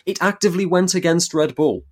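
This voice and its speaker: A man's voice: high-pitched, steady tone, brisk. A man giving emphatic, argumentative opinions as a panellist in a sports podcast discussion.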